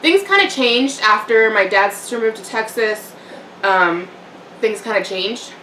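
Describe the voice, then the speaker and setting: Eating on camera in a room at home, a young vlogger chats casually in a rambling way with fillers and little laughs. Her mid-range voice is pushed and bright, with lively intonation and an unhurried pace. The recording has slight background noise, an echoey room, and a mic set a bit far off.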